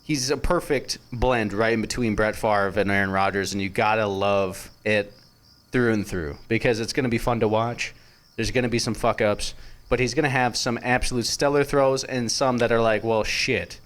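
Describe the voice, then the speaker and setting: A young man co-hosting a sports podcast, chatting casually, joking and rambling with quick laughs. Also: on the low side, fairly even intonation, fairly bright tone. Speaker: podcast co-host.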